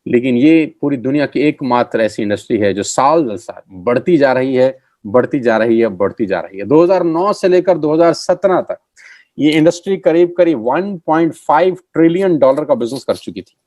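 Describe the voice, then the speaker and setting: A middle-aged man gives a motivational pitch for network marketing and leans hard on his key phrases, repeating them for effect. His voice sits at an ordinary male pitch. The sound is dry and close, with no room echo. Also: moderate pace, a little mellow.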